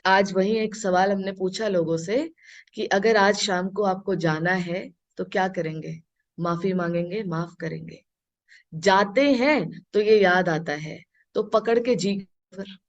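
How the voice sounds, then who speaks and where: A woman teacher gives a spiritual talk at an unhurried, deliberate pace, repeating key phrases and putting questions to her listeners. Her mid-pitched voice comes through a dull, lo-fi recording. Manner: mixes Hindi and English, asks the audience questions.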